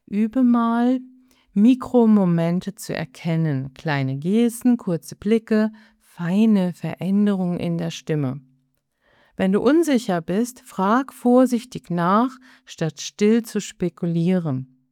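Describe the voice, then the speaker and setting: A woman giving a scripted lesson in a calm, measured way, speaking directly to the listener as a communication trainer. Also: medium pitch, clean tone, dry recording, studio quality.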